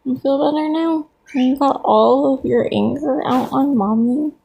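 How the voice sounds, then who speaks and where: A woman's voice: high voice, measured pace, vocal fry, mellow, slight background noise. A woman talking to her pet birds in a cooing, sing-song baby-talk voice, as their owner.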